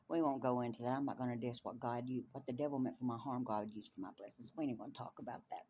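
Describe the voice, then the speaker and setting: A woman tells her faith testimony in an animated way, laughing often and repeating lines for emphasis. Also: a bass voice, fast, slight background noise. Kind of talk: testimony storytelling.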